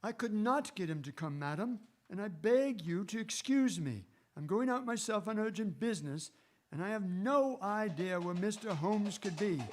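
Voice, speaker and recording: A man playing a busy, brusque doctor in a radio drama, speaking and narrating in a formal, brisk manner. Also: high-pitched, animated. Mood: brisk, firm. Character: brusque, busy male London doctor, Doctor Watson.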